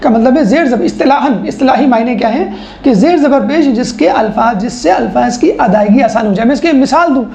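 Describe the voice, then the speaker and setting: A woman's voice: on the high side, animated, vocal fry, mellow, roomy sound. A woman lecturing as a teacher, explaining step by step with rhetorical questions and mimicking how people talk. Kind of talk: classroom lecture.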